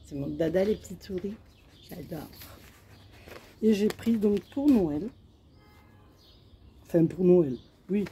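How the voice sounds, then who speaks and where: Woman, casual crafting haul, slow and hesitant, very dark mellow tone, faint outdoor noise. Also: on the low side. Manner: chatty, hesitant, many fillers. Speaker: crafting vlogger. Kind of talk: casual show-and-tell haul. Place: outdoors in sunshine.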